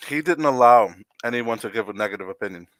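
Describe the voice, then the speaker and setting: A man's voice: medium pitch, fast, a bit bright, no echo. A man hosting a podcast in casual sports chat, opinionated and rambling with many restarts, recorded close on a dry mic. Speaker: podcast host.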